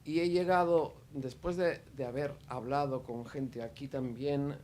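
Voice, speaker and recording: A man's voice: medium pitch, fairly even intonation, measured pace, a little mellow, slight background noise. A man speaking off the cuff at a panel discussion, hesitant, with many fillers and restarts. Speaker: audience member at a panel. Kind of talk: spontaneous spoken remarks at a panel discussion.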